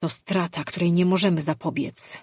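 A woman reading the part of a stern, weary male leader, speaking firmly and in measured phrases. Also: fairly low pitch, fairly even intonation, darkish tone, slightly rough, dry recording, studio quality. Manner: firm, measured.

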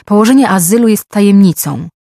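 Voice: mid-range voice, expressive, a little fast, creaky, mellow, no echo, studio quality, voice pushed up. A reader voicing a haughty, hostile woman elder who speaks curtly and indignantly. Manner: curt, indignant.

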